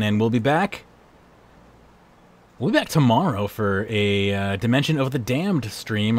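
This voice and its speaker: Guy streamer w a hoarse lowish voice, just rambling casually to chat. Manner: rambling, laid-back. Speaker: livestream host.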